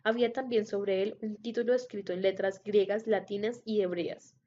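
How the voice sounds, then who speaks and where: A woman reading a Bible passage aloud in a steady, measured way. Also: medium pitch, a little hiss or hum. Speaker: scripture reader. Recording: dull lo-fi recording.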